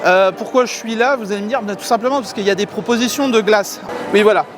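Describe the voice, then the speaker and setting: Chatty man vlogging outdoors, high voice. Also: fast. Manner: chatty, addresses viewers as friends. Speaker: theme park vlogger. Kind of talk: walking vlog commentary. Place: outdoors in a theme park. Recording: outdoor crowd and faint music behind.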